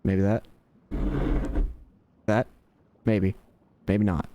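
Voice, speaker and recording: A man's voice: lowish voice, level tone, extremely slow, muffled recording. A man giving casual, offhand video game commentary, rambling to himself, with some static on the mic.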